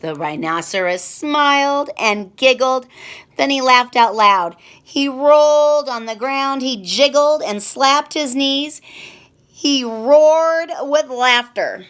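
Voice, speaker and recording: A woman reading a children's picture book aloud, slow and expressive. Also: sits high. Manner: slow, expressive, sing-song. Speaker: storyteller.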